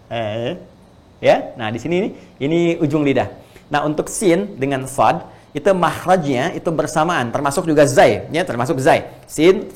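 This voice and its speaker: A man of ordinary pitch teaching a lesson on reading Arabic letters in a patient, step-by-step way. He sounds out each letter to demonstrate it and keeps checking with his listeners. When he reaches an example he grows louder and more animated. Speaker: Islamic teacher.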